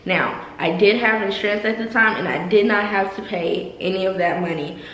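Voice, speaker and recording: A woman's voice: medium pitch, moderate pace, fairly bright tone, dull audio, slight background noise. Young woman vlogger, 19, speaking with braces, chatty Q&A, echoey room. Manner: chatty, with frequent ums and likes. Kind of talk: casual Q&A vlog.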